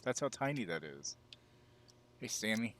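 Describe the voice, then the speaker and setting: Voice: mid-range voice, very animated, unhurried, fairly bright tone. A gameplay commentator chatting casually, with a crude, joking, slangy way of talking. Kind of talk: casual chat over gameplay.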